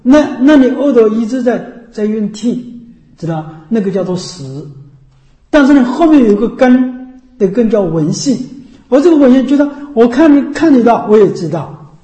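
Guy with a high but mellow voice giving a buddhist dharma talk, keeps going "know?", echoey room. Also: expressive, normal speed. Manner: keeps checking with listeners, 'know?'; repetitive, explanatory. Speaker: Buddhist teacher.

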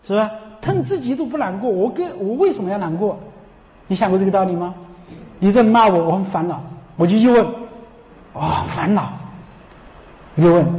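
A high-pitched male preacher gives a Buddhist sermon in an emphatic, animated way. He keeps throwing rhetorical questions at his listeners and chuckles often, and his voice carries a long reverb from a large hall. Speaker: Buddhist teacher.

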